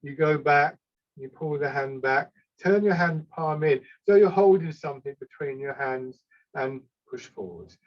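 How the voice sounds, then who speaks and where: Man, somewhat high voice, calm step-by-step exercise instruction, unhurried, slightly muffled lo-fi recording. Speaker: tai chi instructor. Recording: slightly dull, lo-fi sound.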